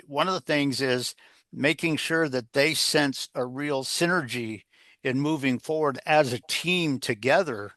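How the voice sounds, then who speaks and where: A leadership author and coach, interviewed as a guest, gives conversational advice that rambles, circles back over phrases, and poses rhetorical questions. His medium-pitched voice is fairly bright, recorded at studio quality with no echo.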